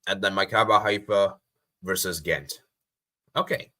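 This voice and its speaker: A man's voice: deep voice, unhurried, sharp tone. An American man hosting a live stream, chatting casually and reading viewer comments aloud, often repeating himself. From USA.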